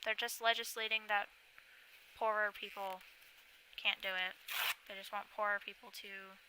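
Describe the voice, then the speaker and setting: A young woman streaming live, chatting casually into a desk mic, reading names aloud and thinking out loud about each one. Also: medium pitch, little pitch movement, normal speed, a little hiss or hum, poor audio. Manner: chatty, thinks aloud, reads a list of names and checks her pronunciation. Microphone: desk microphone.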